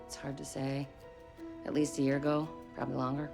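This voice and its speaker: A woman's voice: a bass voice, flat delivery, brisk, creaky, music in the background. An actress playing a dry, wry female doctor in a period TV drama.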